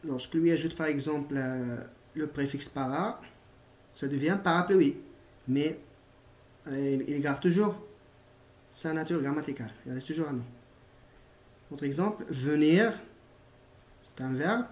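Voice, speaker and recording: Speaking a little high and a little mellow, a male primary teacher works through a recorded grammar lesson. He goes over points patiently again and again, spells out letters, and hesitates through pauses in an echoey room.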